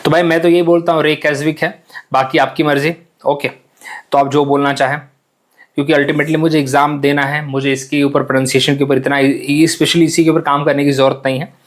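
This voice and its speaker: A man's voice: a little high, flat delivery, brisk. A young man teaching a casual exam-prep map lesson, chatty and repetitive, often mixing in English words. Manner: chatty, repeats phrases, mixes English words.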